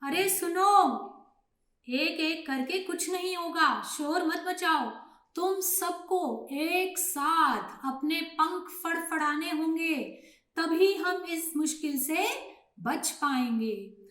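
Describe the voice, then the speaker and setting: A woman's voice: very high-pitched, slow, fairly bright tone, voice pushed up, exaggerated voice. A woman voicing a wise old male pigeon who urgently warns the flock, in an echoey room. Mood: urgent warning. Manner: urgent, pleading calls to stop.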